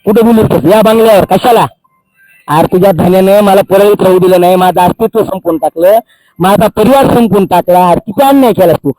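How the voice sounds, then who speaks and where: Angry activist, high dark voice, dry close sound, accusing and repetitive. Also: male voice, a little fast, no room sound, rough recording. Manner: furious, accusing, repeats phrases for emphasis. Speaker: social activist. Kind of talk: angry public tirade. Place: outdoors by a Holi fire.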